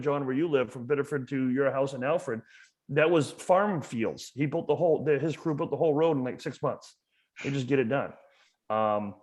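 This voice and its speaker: A museum educator from Maine speaks as a podcast guest in a casual interview, his mid-range voice a little mellow. He talks with passion and emphasis, often repeating words as he builds toward a point.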